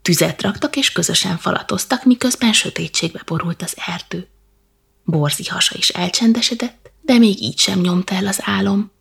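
A woman reading a bedtime story in a soft, slow, half-whispered manner. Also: medium pitch, gravelly, breathy edge.

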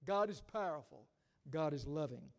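A man's voice: on the high side, lively intonation, moderate pace, vocal fry. A man preaching a sermon, reading scripture aloud and rising in volume on the verses. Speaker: pastor. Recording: long hall reverb.

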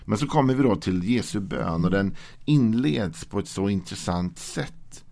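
A man giving a daily devotional sermon, reading scripture aloud and then explaining it calmly and gently. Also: on the low side, gravelly. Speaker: preacher.

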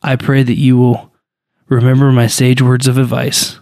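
A man voicing a wise, proud older male mentor who speaks calmly and earnestly to his pupil. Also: mid-range voice, normal speed, no room sound, clean studio sound, close to an everyday voice. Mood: tender. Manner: calm, earnest, fatherly.

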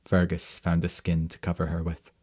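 A man telling a folk tale in a slow, measured way. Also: deep voice, little pitch movement, darkish tone, husky. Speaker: storyteller. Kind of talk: storytelling narration.

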